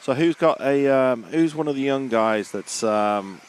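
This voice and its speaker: Brief: middle-aged male racing guest, mid-pitched voice, rambling chat, faint ambience. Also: expressive, a little slow, a little hiss or hum. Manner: easygoing, rambling with many fillers and restarts. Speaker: guest racer. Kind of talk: casual trackside chat.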